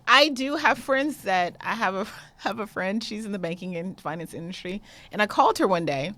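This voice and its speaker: A woman's voice: medium pitch, a little fast, fairly bright tone, slight background noise. A woman podcast co-host with a blunt, dry sense of humor, speaking in a casual chat.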